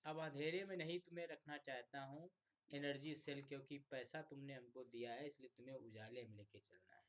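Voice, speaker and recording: A man teaching an online electronics class, repeatedly asking questions and answering them himself, loud on key words and quiet on asides. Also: medium pitch, steady tone, fairly quick. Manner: asks and answers his own questions, repetitive, coaxing; swings between loud emphasis and quiet asides.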